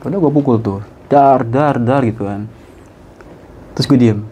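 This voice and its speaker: A man, a guest telling a story in casual chat; he is animated and often laughs. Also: a little slow, a little hiss or hum. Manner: animated, jumps high in pitch for quoted voices, laughs often.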